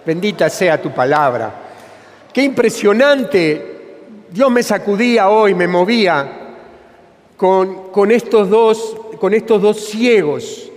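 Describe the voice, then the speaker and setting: Emphatic high-voiced Rioplatense preacher, slow. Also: male voice, lively intonation. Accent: Rioplatense Spanish. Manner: emphatic, repeats phrases for stress. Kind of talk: sermon. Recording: long reverb of a church hall.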